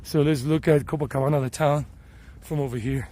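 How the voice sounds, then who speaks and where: A man's voice: a little high, fairly even intonation, a little fast, mellow, slight background noise. An American man vlogging outdoors on a hilltop trail, chatty and rambling, talking into a handheld camera. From United States. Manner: chatty and rambling, with frequent restarts. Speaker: vlogger and tour guide. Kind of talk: casual hiking vlog.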